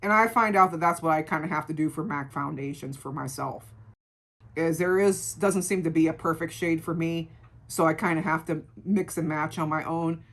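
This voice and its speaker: A middle-aged woman with a gravelly voice, chatting casually through a beauty product review and repeating words for emphasis. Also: low voice, moderate pace. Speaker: beauty vlogger.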